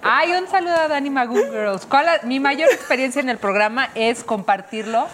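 A woman's voice: high-pitched, lively intonation, moderate pace, background noise. Curious woman co-host. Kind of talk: casual panel chat.

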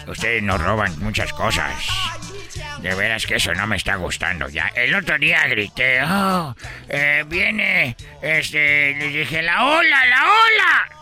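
A man's voice: lively intonation, unhurried, bright, forceful tone, soft background music. A man voicing a cheeky, boastful immigrant vendor with a put-on Chinese accent, rambling through jokey stories. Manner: jokey, rambling storytelling with playful squeaky voices. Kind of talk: comedy sketch in character.

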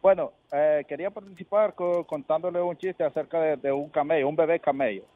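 Guy calling in over a tinny phone, a bit high, keeps tripping over his words. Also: steady tone, no echo. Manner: halting, restarts mid-sentence. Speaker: caller. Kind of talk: telling jokes on a call-in show. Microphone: telephone.

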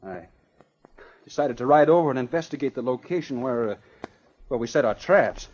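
A hot-headed young trapper. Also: male voice, medium pitch, expressive, normal speed, darkish tone, breathy edge. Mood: agitated. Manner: defensive, agitated. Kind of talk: 1950s radio drama. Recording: dull old radio broadcast.

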